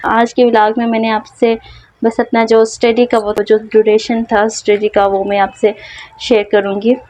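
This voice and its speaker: A woman's voice: fairly high pitch, little pitch movement, normal speed, dry recording, rough recording. Breathless Pakistani woman vlogging. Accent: Pakistani Urdu. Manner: soft, rambling, many fillers. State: short of breath from a sore throat. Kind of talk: casual personal vlog.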